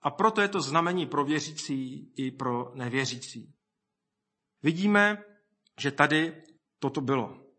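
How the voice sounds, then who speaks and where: Husky-voiced man preaching a sermon. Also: fairly high pitch, pauses often. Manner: reflective, reads scripture aloud, quotes scoffers in lively voices.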